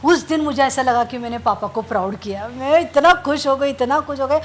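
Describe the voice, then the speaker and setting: Woman pastor preaching, pretty high voice, keeps repeating lines and shouting hallelujah, faint noise behind. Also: brisk. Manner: storytelling, repeating phrases for emphasis, calls of hallelujah. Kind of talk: sermon.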